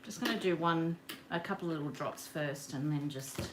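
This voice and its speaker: Woman, rambling live craft host, lowish voice, faint hiss, camera on the desk. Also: normal speed. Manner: chatty, rambling, greets viewers by name. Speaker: craft demonstrator hosting a live session. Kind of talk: casual live craft demo chat. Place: home craft table. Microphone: camera on the work table.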